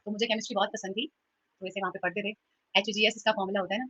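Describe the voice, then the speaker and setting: A young adult woman teaching an online grammar class, lively and teasing, switching between Hindi and English. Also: mid-range voice, very fast, slightly rough, dry recording. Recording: dull lo-fi sound.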